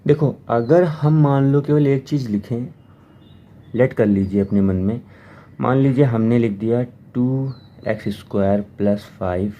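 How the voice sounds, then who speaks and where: A man's voice: medium pitch, muffled recording, a little hiss or hum. A man teaching a math lesson, explaining step by step and often repeating himself to check understanding. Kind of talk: classroom lecture.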